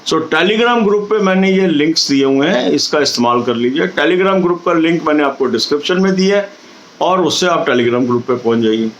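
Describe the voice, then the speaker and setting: A middle-aged man, coaching exam candidates in a steady, instructive talk. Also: fairly high pitch, fairly quick, low-quality recording. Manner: steady, instructive, addresses viewers directly with advice.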